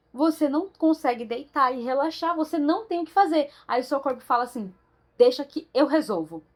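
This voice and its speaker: A young woman telling the story of her time after giving birth in a casual vlog, chatty and rambling, with fillers, restarts and a laugh now and then. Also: on the high side. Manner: chatty, rambling, with frequent fillers and self-corrections; laughs between sentences. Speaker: new mother sharing her postpartum story. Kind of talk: casual personal vlog talk.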